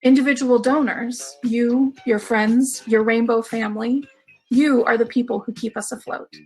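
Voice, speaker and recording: A woman's voice: a little high, steady tone, normal speed, slightly rough, soft background music, low-quality recording. A woman reading an earnest, sincere fundraising appeal.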